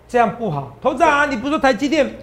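A man with a Taiwanese Mandarin accent hosting a stock-tips show, animated and boastful, lecturing viewers like students. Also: very high-pitched, fast talker, slight background noise. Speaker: stock market analyst host.

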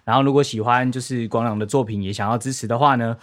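A man's voice: mid-range voice, fairly even intonation, fast. A man co-hosting a podcast, chiming in briefly and reading sponsor messages. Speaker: podcast co-host. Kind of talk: casual chat and sponsor reads.

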